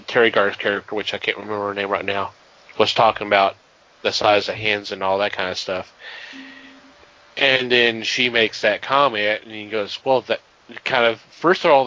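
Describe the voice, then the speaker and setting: A man co-hosting a podcast, talking casually and haltingly, often repeating words. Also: on the low side, bright, forceful tone. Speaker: podcast co-host. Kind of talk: casual chat. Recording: dull lo-fi sound.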